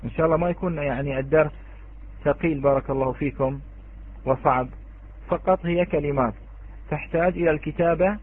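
Husky male Quran teacher over tinny audio. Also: a little high. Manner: patient, asks students questions, chants examples. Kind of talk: online Quran lesson on the Warsh reading. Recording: tinny phone-like online audio.

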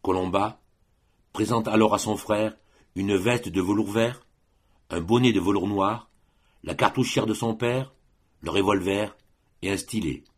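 A man reading a classic novel aloud as an audiobook narrator, in a measured, even way. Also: lowish voice, breathy edge. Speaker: audiobook reader. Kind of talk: literary narration.

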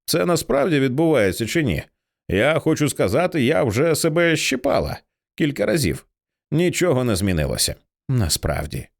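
A man's voice: medium pitch, big pitch swings, normal speed, vocal fry. A man voicing an edgy teenage girl in an audiobook reading, blunt and sarcastic, swearing casually. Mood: wry, anxious.

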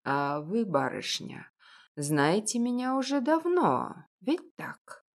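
A woman voicing a kindly, grumbling old male confectioner in an audiobook, speaking slowly and gruffly. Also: big pitch swings. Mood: kindly, reassuring. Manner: slow, low and gruff, gently coaxing. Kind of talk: audiobook reading.

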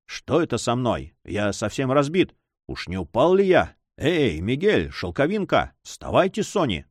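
A man's voice: medium pitch, huge pitch swings, unhurried, no room sound, studio quality. A man reading the part of a proud, vengeful young captain, speaking in vehement, impassioned outbursts. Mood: dazed.

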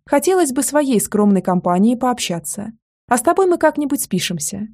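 Teasing young woman, brisk, sly, voiced by a woman reader, slightly gravelly tone. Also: on the high side, big pitch swings, a little mellow, voice pushed up. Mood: sweetly dismissive. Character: lively sly young woman, Max's sister.

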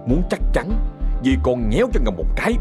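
A man's voice: mid-range voice, big pitch swings, fairly quick, over music. A man narrating a ghost story with dramatic storytelling.

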